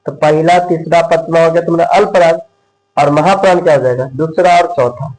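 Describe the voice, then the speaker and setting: A man's voice: on the high side, fairly even intonation, fairly quick, darkish tone, poor audio. A young man teaching Hindi grammar in a coaching-class lecture. He repeats each point, quizzes his students and keeps calling them his dear brothers.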